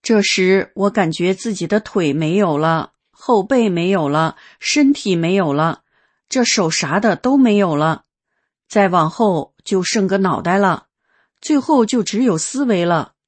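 A woman reading a first-person testimony aloud in a calm, earnest storytelling manner. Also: medium pitch, a little slow.

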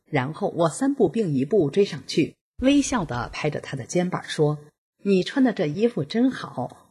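A woman in her sixties reading a first-person story aloud in a steady, plain manner, voicing the dialogue as she goes. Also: deep voice, breathy edge. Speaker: reader of a personal account.

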